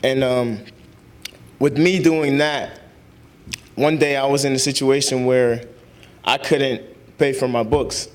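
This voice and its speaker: A young man speaks at a ceremony about his time as a student veteran. He is sincere and halting, and he fills his pauses with "um.". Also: mid-range voice, steady tone. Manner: sincere, halting, with many "um" fillers. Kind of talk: informal speech at a ceremony.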